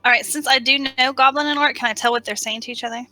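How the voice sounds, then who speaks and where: A woman's voice: high voice, steady tone, fast talker, bright, forceful tone, soft background music, poor audio. A woman playing a tabletop game, describing her character's moves and correcting herself as she goes. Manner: restarts and self-corrections while describing actions. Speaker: player. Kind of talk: casual tabletop game play.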